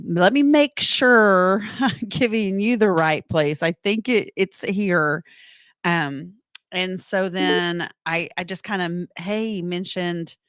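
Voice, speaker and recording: Chatty woman with a lowish, dry-recorded voice. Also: fairly bright tone, no room sound. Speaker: talk show co-host. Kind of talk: casual chat, storytelling.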